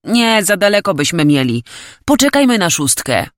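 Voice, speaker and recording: A woman's voice: medium pitch, very animated, normal speed, dry recording, pitched above the performer's own voice, natural voice. Female reader playing a weary, casual male student, slangy and offhand, dry, for an audiobook. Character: fed-up, laid-back young male student. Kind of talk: audiobook character voice.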